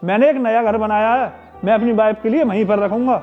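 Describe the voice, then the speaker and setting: A man's voice: high-pitched, quick pace, narrow, tinny audio, soft background music, natural voice. A man playing a fed-up grown son who talks back firmly to his mother, in a homemade family drama. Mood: irritated. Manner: firm, irritated. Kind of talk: amateur Hindi family drama.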